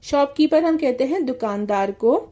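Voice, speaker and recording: A woman teaching an English story to children, reading lines slowly and then explaining them with questions. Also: high-pitched, animated, mellow.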